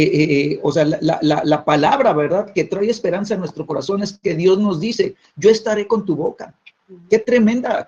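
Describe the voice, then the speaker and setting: Husky preacher man, tag questions everywhere. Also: sits high, a little mellow. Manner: peppers phrases with tag questions; repeats words when restarting. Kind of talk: sermon teaching. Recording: dull lo-fi recording.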